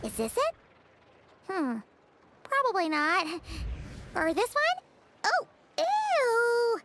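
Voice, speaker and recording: Super high squeaky little companion critter, excitable and whiny, game voice. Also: female voice, extremely slow, slight background noise, exaggerated voice. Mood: chatty. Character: tiny floating female companion, chatty and excitable. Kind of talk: video game voice acting.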